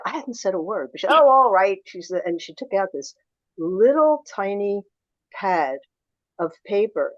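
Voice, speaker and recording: A woman's voice: fairly low pitch, a little mellow, no echo, muffled recording. An older woman from suburban Philadelphia, a guest telling reflective stories in an interview. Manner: reflective, anecdotal, with restarts and quoted dialogue. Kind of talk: storytelling interview answers.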